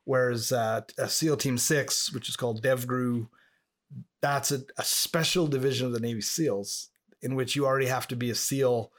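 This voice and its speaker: A man from Montreal talks in a casual podcast chat, rambling from one story to the next. He co-hosts the show with an easy, conversational manner. His voice sits at an ordinary middle pitch. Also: steady tone, moderate pace. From Montreal, Canada. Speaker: podcast co-host.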